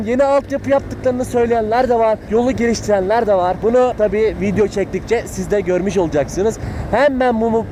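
A man's voice: high-pitched, mellow. A man chats casually and informally from inside a motorcycle helmet, rambling and interrupting himself as he rides. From Turkey. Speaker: motovlogger. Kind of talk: casual chatty vlog while riding. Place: outdoors, riding a motorcycle through town. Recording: clear road and engine noise.

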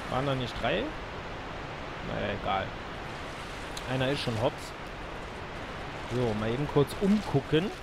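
A man giving casual let's play commentary, excitable, with loud exclamations and talking to his viewers. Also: mid-range voice, measured pace, gravelly, long pauses, very noisy.

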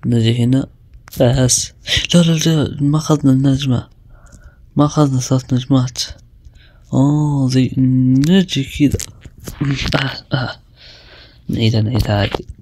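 A young man, chatting his way through a video game and talking himself through each move with quick exclamations. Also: medium pitch, fairly even intonation, warm tone. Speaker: gaming video creator. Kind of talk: casual gameplay commentary.

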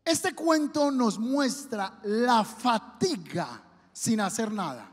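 A man's voice: extremely high pitch, very animated, slow pace. A man preaching a sermon as pastor, telling a story and acting out its voices, with the congregation asked to repeat his words. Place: church hall. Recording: reverberant church hall.

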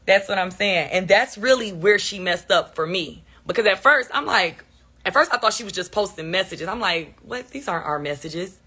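A woman with a bright, forceful voice vents live on her phone, defensive and quick to sarcasm. She talks straight to her chat. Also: mid-range voice, expressive, husky. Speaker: livestreamer. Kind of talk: venting on a livestream.

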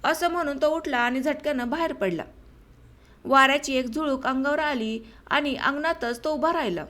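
A woman narrating a short story for an audiobook in a steady storytelling manner. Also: sits high, normal speed.

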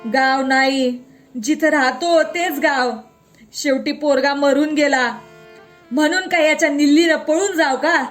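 Woman doing a humble grieving poor man, slow pleading, high storybook voice. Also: soft background music.

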